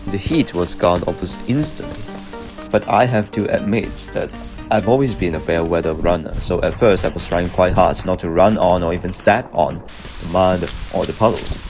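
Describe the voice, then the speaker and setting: Low-voiced man narrating over music. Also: normal speed. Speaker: running vlogger. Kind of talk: scripted reflective voice-over narration. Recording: music behind the voice. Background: background music.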